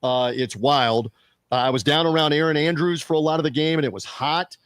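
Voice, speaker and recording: A man hosting a sports media podcast, chatting casually with fillers and quick restarts. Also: fairly high pitch, fairly bright tone, dry recording, clean studio sound. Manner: conversational, fillers and restarts, reads out show plugs.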